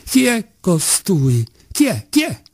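A man's voice: high voice, huge pitch swings, slow, darkish tone, husky, no room sound, studio quality, voice pushed up, full character voice. A man voicing a pompous, irritable doctor. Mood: irate. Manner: haughty, snappish. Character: pompous irritable male doctor, middle-aged.

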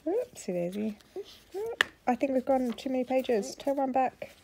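A woman with a husky voice, prompting and encouraging a small child through reading in a casual way. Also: high voice, a little slow, background noise. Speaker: adult helping a young child learn to read. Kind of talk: casual coaching of a beginner reader. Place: indoors at home, cluttered room.

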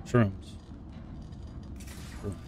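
A man's voice: extremely slow, a little mellow. Laid-back man muttering game commentary. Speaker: gaming streamer. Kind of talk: casual let's-play commentary, thinking aloud. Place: small room at home. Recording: faint game noise behind.

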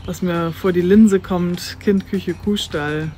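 Standing on a farm lawn near a brick farmhouse, a woman in her 30s who blogs about farm life gives a casual interview; she's from North Frisia in northern Germany. Her lowish voice stays fairly even, and she speaks slowly. Talkative and quick to laugh, she fills her speech with fillers and restarts.

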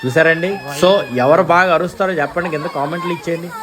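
Filming on a handheld action camera amid noisy outdoor ambience, a young man from India with a Telugu accent casually narrates his amusement park visit straight to viewers. He talks fast, his voice on the high side with a steady tone.

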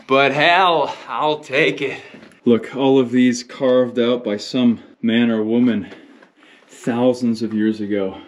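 A man vlogging outdoors while exploring cave dwellings, excitable and thinking aloud, with casual swearing. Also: mid-range voice, slight background noise. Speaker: travel vlogger. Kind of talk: on-location vlog talk. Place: outdoors in rock caves.

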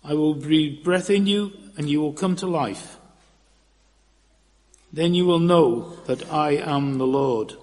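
A man reading scripture aloud in a church, deliberate and expressive, at a pulpit microphone. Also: a little high. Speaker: scripture reader. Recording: long church reverb.

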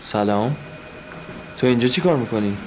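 An actor playing an angry, suspicious factory owner who confronts people head-on. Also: male voice, medium pitch, darkish tone, slight background noise, natural voice. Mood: irritated. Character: hot-tempered factory owner, suspicious brother.

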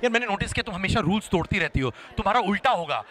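A man's voice: sits high, lively intonation, racing, a crowd in the background. A man with an Indian accent hosting a red carpet interview in an effusive, playful, chummy manner. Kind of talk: live red carpet interview mixing English and Hindi. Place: busy awards-show red carpet. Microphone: handheld microphone.

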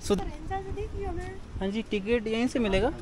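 A man in his thirties from India, chatting excitedly to viewers while riding a motorcycle on a mountain road and walking through a park, recorded on an action camera mic. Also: high voice, unhurried, crowd noise. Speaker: motorcycle vlogger. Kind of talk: casual travel vlog narration. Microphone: helmet or action camera mic. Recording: outdoor recording with road and wind noise.

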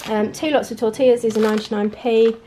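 This is a casual chat to camera from a middle-aged British woman showing off her grocery haul at a table at home; she is chatty, self-amused and often laughs lightly. A little high in pitch, she talks fast in a steady tone. The handheld camera keeps her off screen, and the audio is very noisy.

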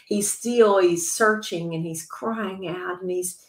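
A woman giving a devotional Bible teaching to other women, earnest and conversational, sometimes dropping to a soft whisper. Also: fairly low pitch, takes it slowly, echoey room.

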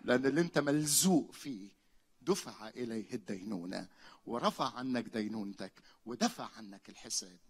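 A young man with an Egyptian accent preaching a lively sermon, calling on the congregation to repeat lines after him, swinging between loud and hushed. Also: mid-range voice, vocal fry, breathy edge. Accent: Egyptian Arabic. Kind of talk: lively call-and-response sermon. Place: church hall.

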